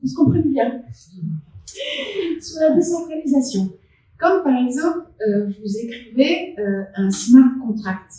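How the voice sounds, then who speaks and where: Panelist, female, higher voice, dark tone, halting and emphatic delivery, distant mic in a very echoey conference hall. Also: a little hiss or hum. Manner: hesitant, many restarts and fillers, emphatic. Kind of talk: conference round-table discussion. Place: conference hall at a live event. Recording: very echoey hall, recorded from afar.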